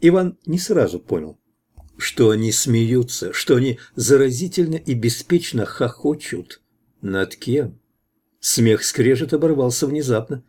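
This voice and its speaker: A man narrating an audiobook in a steady storytelling manner. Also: medium pitch, normal speed, slightly rough. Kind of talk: audiobook narration of science fiction.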